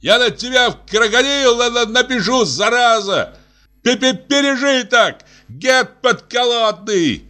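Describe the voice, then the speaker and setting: A man plays a short, hot-headed young fellow in a storybook tale. His voice climbs high above the reader's own and he stutters and stammers over his words. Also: very animated, a little slow, fairly bright tone. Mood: shouting.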